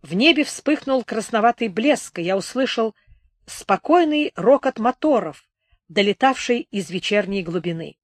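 A woman reading a literary memoir aloud as an audiobook narrator, in an even, measured way on a close mic. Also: fairly high pitch, dry recording. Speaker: audiobook reader.

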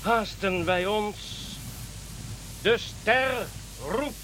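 In a Dutch radio play, a man acts as a grave, devout king following a star, delivering a solemn exhortation formally, like a preacher. His full character voice sits high and fairly bright, with drawn-out words. Faint hiss runs in the background.

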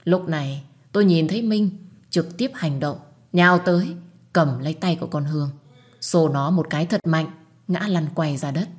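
Low-voiced woman narrating a drama. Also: normal speed. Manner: emotive, steady narrating, firm when defiant. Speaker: storyteller. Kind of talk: dramatic first-person story narration.

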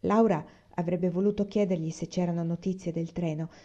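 Woman narrator for a storybook reading, calm and measured, dark mellow tone, slightly dull lo-fi sound. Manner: lifts pitch and level for character quotes. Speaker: audiobook reader. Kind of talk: scripted narration.

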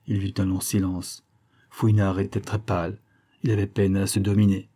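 A man narrating a novel in steady, scripted audiobook style. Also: low voice, moderate pace, slightly rough. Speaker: audiobook reader.

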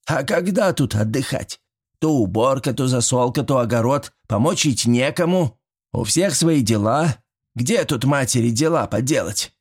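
A man voicing a feisty, sharp-tongued old village woman who scolds loudly and indignantly. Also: mid-range voice, expressive, normal speed, breathy edge, pitched above the performer's own voice. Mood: heated.

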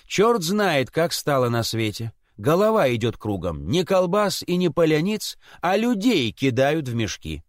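A man's voice: on the high side, big pitch swings, a little slow, few pauses, dry recording, clean studio sound, voice pushed up. A man voicing a bewildered, frightened village weaver who exclaims.

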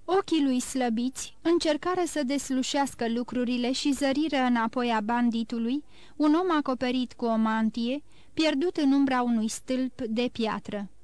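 A woman narrating an audiobook in an even, measured reading. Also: sits high, clear, resonant tone, no room sound. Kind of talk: scripted narration.

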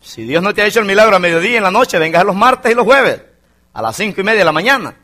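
Man, pastor, fervent sermon, bright voice, very lively pitch. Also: fast. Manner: fervent preaching, keeps addressing the congregation as brother. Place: church congregation.

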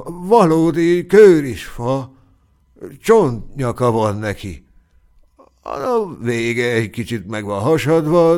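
A man's voice: mid-range voice, clean tone, close to an everyday voice. A man voicing a poor, humble blind old beggar who pleads in a trembling voice.

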